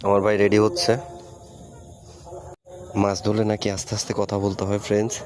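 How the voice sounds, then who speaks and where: A man talks casually and directly to his viewers, his voice sitting fairly low. He is outdoors at a wetland, recorded on a phone, with faint insect noise behind him. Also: monotone, normal speed. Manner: chatty, addresses viewers directly. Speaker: fishing vlogger. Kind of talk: casual vlog chat to viewers.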